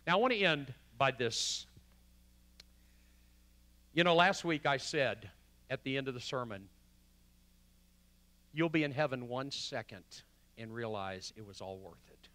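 A man preaching a sermon as the pastor in a church, swinging from loud emphasis to hushed quotes. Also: mid-range voice, expressive, a little slow, long pauses, no room sound. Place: church sanctuary.

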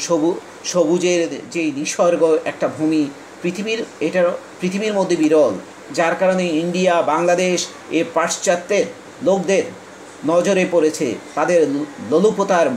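A man from Bangladesh teaching an English lesson, reading English lines slowly and explaining quickly in Bengali. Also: high voice, slight background noise, low-quality recording.

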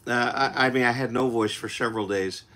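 A man hosting his own livestream in casual chat, halting with fillers and restarts, his voice still recovering from being lost. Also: mid-range voice, steady tone, bright, forceful tone. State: recovering from voice loss. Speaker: singer-songwriter hosting a livestream.

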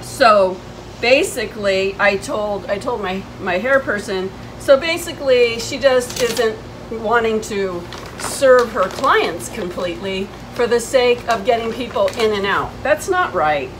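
Speaking animatedly and a little slowly, a middle-aged vlogger with a fairly high voice recounts a personal story in casual, conversational style, indignant and emphatic as she retells exchanges. She's on a covered porch outside a house, with the camera a few steps away and ambient noise clearly audible.

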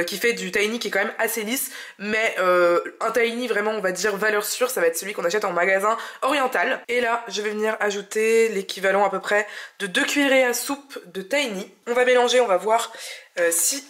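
A woman's voice: medium pitch, fairly quick, a bit bright. A young woman hosting a home cooking vlog, chatty and enthusiastic, explaining each step as she cooks in her kitchen. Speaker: cooking channel host. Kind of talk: casual cooking vlog narration.

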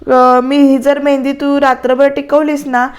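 A woman's voice: high voice, level tone, normal speed, natural voice. A woman voicing a spiteful, scheming sister-in-law who gives falsely helpful advice in a soap recap. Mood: sly.

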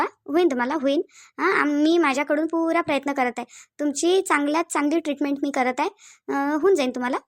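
A woman with a Varhadi Marathi accent voicing a calm female doctor in a cartoon, who keeps reassuring her patients. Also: sits high, no echo, studio quality. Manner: soothing, repeats reassurances.

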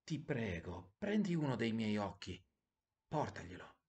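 Man doing a sad gentle prince statue, storybook, quiet, low, slow and sorrowful. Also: very animated. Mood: pleading.

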